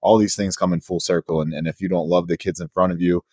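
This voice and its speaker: A man in his thirties hosting a podcast, telling stories in a relaxed, chatty way with easy laughs. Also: sits low, quick pace, husky, dry recording, clean studio sound. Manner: relaxed storytelling, fillers, laughs. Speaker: podcast host. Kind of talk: casual conversational interview.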